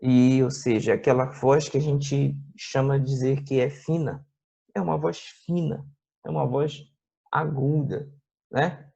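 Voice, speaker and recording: Gravelly Brazilian male music teacher. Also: mid-range voice, level tone, mellow. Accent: Brazilian Portuguese. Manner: explains slowly with many tag questions, plays guitar and sings examples. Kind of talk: classroom video lesson. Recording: dull lo-fi recording with faint guitar.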